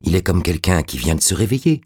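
A man's voice: low-pitched, big pitch swings, quick pace, a little mellow, slightly rough, dry recording, studio quality, heavily acted. A man voicing an intense, commanding male sorcerer-priest who speaks in urgent, insistent exclamations in an audiobook reading. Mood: fervent.

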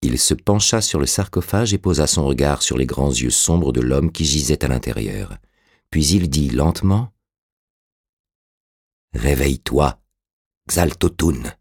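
A man reads the story in an extremely deep, husky voice, measured and steady in his storytelling. The recording is dry and close, with no room sound behind him. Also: dry recording. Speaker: narrator. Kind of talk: audiobook narration.

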